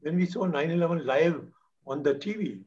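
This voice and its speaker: A man's voice: on the high side, normal speed, dull audio. A retired man in his sixties with an Indian English accent hosting a memorial gathering, passing the floor to speakers and making light jokes. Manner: warm moderator, light jokes, switching into Hindi. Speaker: event host.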